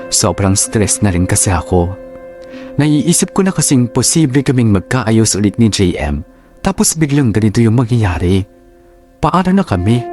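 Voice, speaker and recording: A man reads as an older sister recalling her troubles, in a steady, reflective first-person narration. His voice sits a little low, with music clearly playing underneath. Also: close to an everyday voice.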